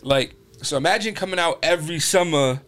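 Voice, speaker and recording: A man's voice: fairly high pitch, a little fast, fairly bright tone. A young man from New York hosting a podcast, telling stories casually and acting out quotes in a raised voice. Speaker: podcast host. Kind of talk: casual storytelling chat.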